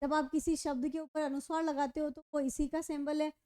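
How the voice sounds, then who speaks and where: A woman with a high, mellow voice teaches an online grammar class. She puts a question to her students and answers it herself, checking in with a steady "okay". The recording is dry and close. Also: a little fast, no echo. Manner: asks questions and answers them herself, repeats "ठीक है". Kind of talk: online Hindi grammar lesson.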